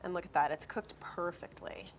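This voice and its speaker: An enthusiastic woman hosts a cooking segment in a restaurant kitchen, gushing over each dish. There is clear background noise around her voice. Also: on the low side, fairly even intonation, normal speed. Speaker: cooking show host. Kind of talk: upbeat on-camera chat.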